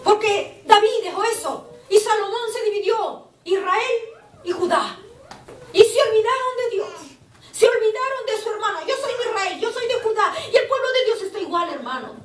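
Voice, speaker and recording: A woman's voice: very high voice, lively intonation, normal speed, slight background noise. A woman preacher giving an impassioned sermon, often calling out to her listeners as brothers. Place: church hall. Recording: echoey church from far off, faint ambience.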